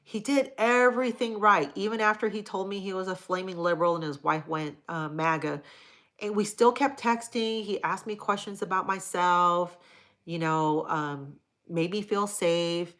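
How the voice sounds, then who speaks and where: A woman's voice: fairly low pitch, steady tone, normal speed, a bit bright. A woman from Hawaii hosting a live stream, reading viewer comments aloud and answering them in a blunt, crude, casual way. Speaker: livestream host answering chat.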